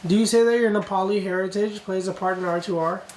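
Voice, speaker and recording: An off-camera interviewer briskly reading short questions. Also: medium pitch, fairly even intonation, echoey room, a little hiss or hum, rough recording.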